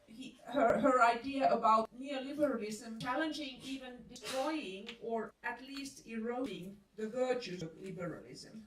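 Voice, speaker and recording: A soft-spoken woman with a fairly high voice gives measured academic remarks, filling pauses with frequent ums and uhs. She sounds far from the mic in a reverberant seminar room with a faint hiss. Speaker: panel speaker, media scholar.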